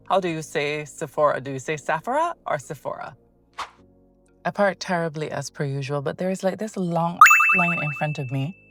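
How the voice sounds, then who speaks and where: A woman from Barbados, chatting casually on a handheld phone camera and asking her viewers questions as she runs errands. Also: on the low side. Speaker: vlogger. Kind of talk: casual vlog chat. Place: out and about in a city, car and shops.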